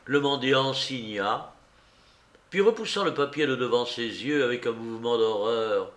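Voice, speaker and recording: A man narrating a classic novel aloud in a measured, expressive way. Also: medium pitch, roomy sound. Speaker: audiobook reader. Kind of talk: literary narration.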